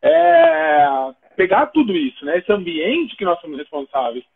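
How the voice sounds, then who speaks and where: Animated Brazilian man on a tinny line. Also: high voice, a little slow, creaky, slightly rough. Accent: Brazilian Portuguese. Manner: animated, acts out dialogue in his stories. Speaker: host of a live talk show. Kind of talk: casual storytelling chat.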